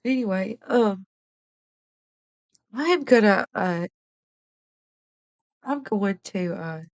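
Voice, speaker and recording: A woman's voice: medium pitch, expressive, slow pace, no room sound. A woman hosting a casual live stream, chatting in a rambling way and laughing often. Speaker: livestream host.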